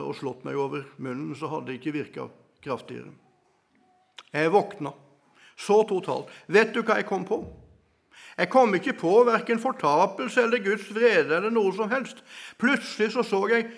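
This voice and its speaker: Man, high voice, gravelly, sermon testimony, dramatic, loud then hushed. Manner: dramatic storytelling, swings between loud and hushed. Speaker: preacher giving his testimony.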